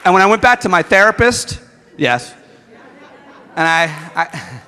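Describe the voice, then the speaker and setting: A man's voice: sits high, sing-song, unhurried, pushed and bright, slight background noise. A middle-aged man giving an impassioned convention speech with a repetitive rallying cadence. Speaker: guest speaker. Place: large convention hall. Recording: echoey convention hall with crowd.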